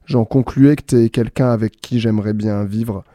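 With a fairly low voice and moderate pace, a male host of a reading show chats loosely, pausing on fillers, then reads books and his own poems aloud. It's a studio-quality recording with no echo.

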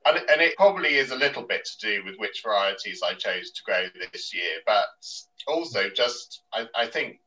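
A man's voice: on the low side, lively intonation, moderate pace, pushed and bright. A man in casual conversation who speaks hesitantly, often restarting his sentences. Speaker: guest. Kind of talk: casual chat. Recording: distant, dull remote line.

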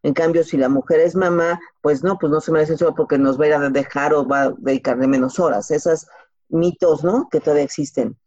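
This Mexican-accented woman speaks fairly quickly in a low-pitched, darkish voice with a steady tone. As a podcast guest sharing career advice, she answers casually and colloquially, using examples and rhetorical questions. The sound is a bit dull and lo-fi.

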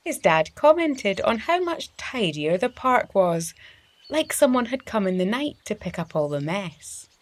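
A woman hosting a story series reads aloud to young children in a mid-range voice. Her delivery is deliberate and full of expression.

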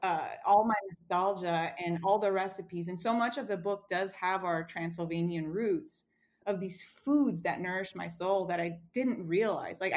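A Romanian cookbook author with a fairly low-pitched voice tells a personal story in a casual interview. Her speech is full of fillers and restarts.

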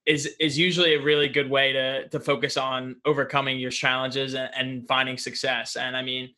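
Podcast host guy agreeing with his guest, real bright tone. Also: medium pitch, level tone, moderate pace. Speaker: interviewer. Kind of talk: casual conversation.

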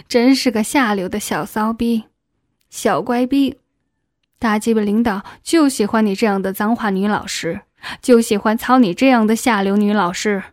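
A domineering middle-aged official, voiced by a woman reading an adult audiobook, coaxing and breathy. The voice sits fairly high for a man and sounds dry and close. It is delivered in an insistent, lewd storybook style. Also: darkish tone, dry recording, close to an everyday voice.

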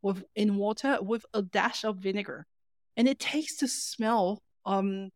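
With a medium-pitched voice and a somewhat slow pace, a woman living in Paris co-hosts a casual podcast conversation. There's no room sound, and she tends to hesitate and repeat words while explaining.

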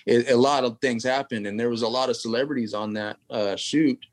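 A man's voice: mid-range voice, fairly quick. A man from California, a tattoo artist guest telling a long story in casual, rambling fashion full of street slang and asides.

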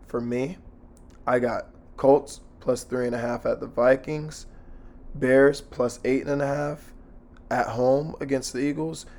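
A hoarse man hosting a casual sports betting podcast by himself, talking in a blunt, slangy, sweary way. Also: medium pitch, steady tone, slow, darkish tone.

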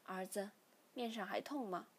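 A woman's voice: medium pitch, normal speed, breathy edge, lightly acted. A woman reading a stern middle-aged father. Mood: quiet. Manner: lecturing, weary sighs.

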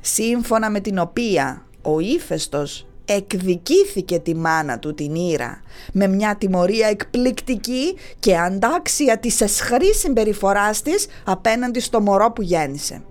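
A woman's voice: medium pitch, lively intonation, darkish tone. A woman telling comic myths in a chatty, folksy way, talking straight to listeners. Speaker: storyteller. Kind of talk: comic mythology storytelling.

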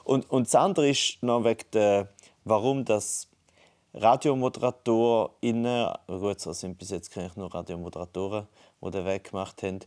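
A man's voice: fairly low pitch, steady tone, brisk, darkish tone. Man musing over a phone line. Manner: thinks aloud, many restarts and fillers. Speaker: podcast co-host. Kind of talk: casual conversation. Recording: phone call.

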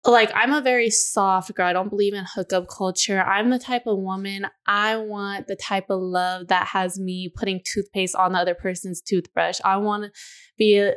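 A woman in her twenties speaks with a clean, fairly bright, mid-range voice and fairly even intonation. In this casual podcast chat she co-hosts, she reflects openly and confessionally, her lengthy thoughts full of "like" and frequent "you know."

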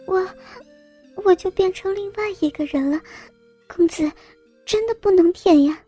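A woman's voice: extremely high pitch, unhurried, warm tone, no echo, faint music behind, pitched above the performer's own voice. A woman doing a bashful, stammering young maid. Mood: bashful pleading. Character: shy young maidservant, bashful and pleading. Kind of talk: storybook role-play.

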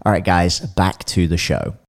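A man's voice: low-pitched, expressive, unhurried, vocal fry. A man speaking directly to listeners in an upbeat tone as he reads a promo for his podcast. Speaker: podcast host. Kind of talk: scripted promo read.

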